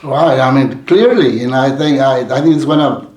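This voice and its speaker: A man's voice: medium pitch, normal speed, a little mellow. A man from Mexico telling his life story in an interview, rambling with many restarts and fillers. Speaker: community leader guest. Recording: roomy echoey sound.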